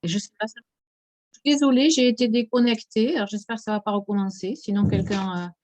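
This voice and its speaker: A woman's voice: medium pitch, fairly even intonation, a little fast, a little mellow. Casual woman opening an online meeting. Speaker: webinar host. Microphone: video call microphone.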